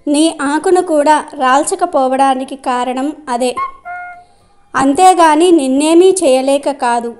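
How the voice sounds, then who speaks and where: A woman's voice: high-pitched, slow, darkish tone. Give me a stern angry wind god, read by a woman, faint music behind. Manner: stern and threatening.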